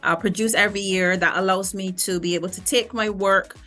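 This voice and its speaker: Bright-voiced woman singer. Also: mid-range voice, steady tone, brisk, soft background music. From Barbados. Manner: earnest, reflective, with frequent restarts. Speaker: guest singer and vocal coach. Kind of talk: interview conversation.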